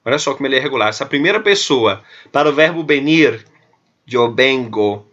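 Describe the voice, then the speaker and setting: A man with a Brazilian Portuguese accent teaches a recorded Spanish lesson, walking through verb forms step by step and checking in with his students. His voice is bright and forward. The sound is dull and lo-fi, like a basic computer mic. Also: fairly high pitch, animated, fast talker. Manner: explains step by step, often checks with "tá?". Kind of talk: recorded online grammar lesson. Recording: dull lo-fi audio.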